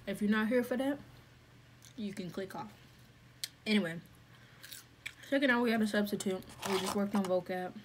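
A woman chatting casually through a mukbang vlog, talking while she eats with her mouth full. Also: medium pitch. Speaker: food vlogger. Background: faint fan hum.

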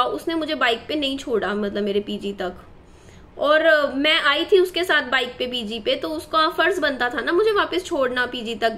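High-voiced young woman, rambling vlog story, lots of fillers and restarts. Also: a bit bright, a little hiss or hum. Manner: chatty, full of fillers and self-corrections. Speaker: vlogger. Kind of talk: casual storytelling to viewers.

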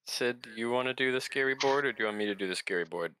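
A man's voice: mid-range voice, fast talker, bright, forceful tone, clean tone, dry recording, poor audio. A man chatting casually as a player in a tabletop game.

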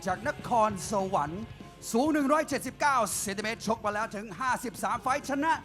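A man working as a ring announcer, introducing fights in an excited, showy style with drawn-out build-ups. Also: very high-pitched, soft background music.

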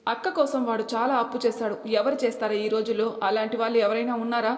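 A woman's voice: fairly high pitch, level tone, fast talker, lightly acted. A woman voicing a stern older father who lectures his family with rhetorical questions, in an echoey room. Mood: scolding. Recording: echoey room, long reverb.

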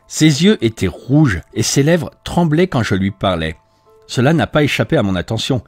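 A man's voice: medium pitch, very animated, normal speed, dry recording, soft background music. A man voicing a proud, boastful police detective recounting his inquiry. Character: confident male police detective, middle-aged, boastful.

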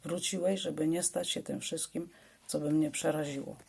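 A woman voicing an eerie, genetically engineered star child speaking from a phone, in a solemn, hushed and measured way. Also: sits low, fairly even intonation, creaky, a little hiss or hum.

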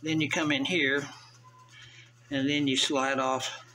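A man's voice: medium pitch, slow pace, soft background music, low-quality recording. Chatty older man filleting fish. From US South. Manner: relaxed, chatty, thinking aloud while filleting fish. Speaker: vlogger. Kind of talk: casual how-to narration. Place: indoor tiled kitchen counter.

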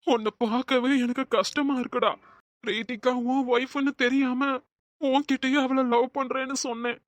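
A woman plays a guilt-stricken young cartoon man with a somewhat high voice, recorded dry. He speaks in anguish and blames himself. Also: steady tone, moderate pace, no room sound, lightly acted. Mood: remorseful. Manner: anguished, self-blaming. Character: remorseful, tearful young man, a guilty friend. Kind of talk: Tamil cartoon voice acting.

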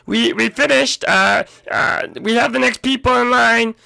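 A man's voice: very high-pitched, unhurried, vocal fry, pitched above the performer's own voice, heavily acted. A man voicing an eager, nervous turtle henchman who stammers and fills his talk with ums. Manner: stammering, excitable, with many ums.

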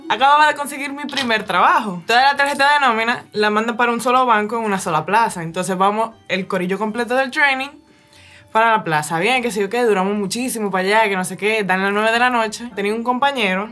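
A woman's voice: on the high side, fast talker, a bit bright. A young woman with a Dominican accent telling a story in a chatty way, full of casual fillers. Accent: Dominican Spanish. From Dominican Republic. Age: young adult.

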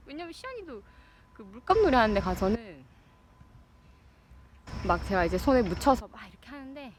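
A woman in her thirties chats casually to listeners while out running, like a personal vlog. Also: medium pitch. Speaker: vlogger, a parent. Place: outdoors, out exercising. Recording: noisy outdoor recording, uneven level.

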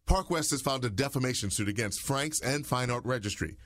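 Male TV news reporter, measured delivery. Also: mid-range voice, lively intonation, a bit bright, slight background noise. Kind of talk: scripted news narration.

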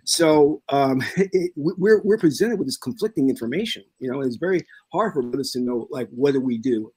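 Soft-spoken husky man. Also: mid-range voice, animated, brisk. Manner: soft-spoken, calls himself meek. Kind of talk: casual discussion.

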